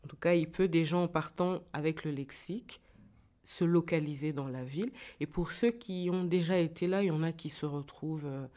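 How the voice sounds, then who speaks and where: A woman's voice: low voice, moderate pace, warm tone. A woman novelist and former journalist who lives in Kinshasa, answering an interviewer's questions in a hesitant way, with many restarts and repeated words.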